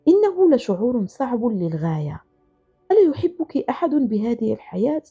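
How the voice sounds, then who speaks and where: A kind old basketball coach speaks in a gentle, consoling storybook voice, as a woman reads him out. The tone is soft and mellow, sitting low for the reader, and the recording is slightly dull with faint music underneath. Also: big pitch swings, normal speed, slightly rough, heavily acted.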